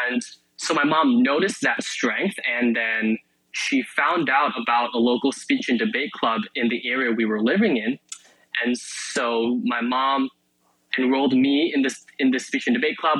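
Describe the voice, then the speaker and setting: A man's voice: mid-range voice, sharp tone, slightly rough, dry recording, low-quality recording. A young man from Malaysia, a university student, chatting eagerly as a guest on a radio interview, full of fillers and restarts. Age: young adult.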